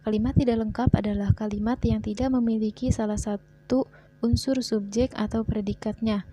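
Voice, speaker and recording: Mellow-voiced woman teaching a lesson. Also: mid-range voice. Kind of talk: scripted grammar lesson narration.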